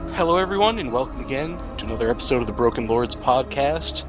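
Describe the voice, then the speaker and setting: A podcast host and game master narrates a tabletop roleplaying game, explaining things to the players in an easygoing manner. His mid-range voice has lively intonation and a quick pace, with background music playing beneath him.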